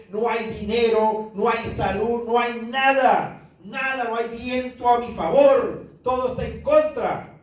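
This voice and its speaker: In a very echoey room, far from the microphone, a pastor with a high-pitched, darkish voice reads from the Bible while preaching. His tone is earnest, and he repeatedly asks his listeners "¿sabe?", meaning "you know?"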